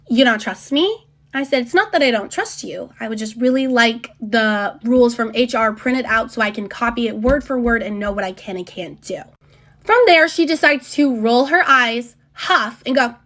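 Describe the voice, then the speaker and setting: A young woman with a high, light voice tells a storytime about work. She is blunt and sarcastic and swears freely while she vents. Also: a bit bright. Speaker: retail worker telling a storytime. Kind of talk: casual storytime rant.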